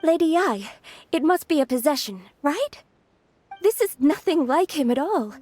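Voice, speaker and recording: A woman's voice: sits high, big pitch swings, measured pace, a little mellow. A woman playing a devoted, distressed young sword disciple in a video game, earnest and anxious. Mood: anxious, pleading. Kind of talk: dramatic video game dialogue. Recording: game music behind the voice.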